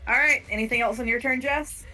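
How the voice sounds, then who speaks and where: A woman's voice: fairly high pitch, fast, bright, forceful tone, soft background music. A woman acting as game master, speaking in a casual, playful way to the players.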